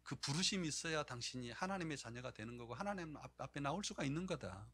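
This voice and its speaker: A man preaching a sermon as pastor, animated, swinging between loud emphasis and hushed low delivery. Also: fast, slightly rough. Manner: acts out quoted speech in changed voices. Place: church sanctuary.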